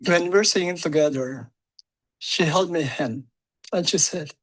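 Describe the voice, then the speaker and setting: A man who cared for the departed, giving a halting memorial eulogy in a chapel and often repeating his words. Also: on the high side, rough recording.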